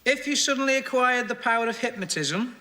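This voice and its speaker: A man's voice: very high-pitched, brisk, noisy background. A man on a TV dating show reading out questions and cracking jokes, laughing through his lines. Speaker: game show contestant. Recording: studio with loud audience laughter.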